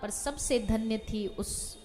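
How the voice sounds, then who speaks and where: High-voiced woman telling a devotional story. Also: slow pace, long reverb tail, faint music behind. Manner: animated storytelling, acting out dialogue. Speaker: religious storyteller. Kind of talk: devotional scripture discourse.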